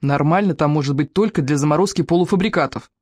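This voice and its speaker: A woman's voice: low-pitched, fast, darkish tone, breathy edge, dry recording, studio quality. A woman voicing an earnest, caring young woman who talks her friend round, in a storybook reading. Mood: scolding.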